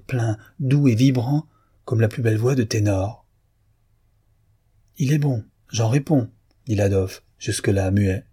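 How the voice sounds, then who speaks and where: A man narrating a novel in a measured, literary reading. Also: lowish voice, warm tone, breathy edge.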